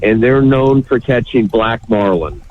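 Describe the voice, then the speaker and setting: A man guest telling a fishing trip story in a relaxed, matter-of-fact way. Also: medium pitch, measured pace, slight background noise. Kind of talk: casual storytelling. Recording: phone line.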